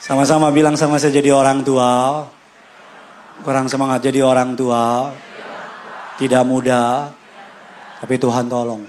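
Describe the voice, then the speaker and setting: A male pastor, preaching an animated sermon that swings between loud bursts and quiet asides. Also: unhurried, long pauses, a little hiss or hum. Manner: animated, shifts pitch and loudness, acts out quotes with shouts. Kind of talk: lively sermon. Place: church.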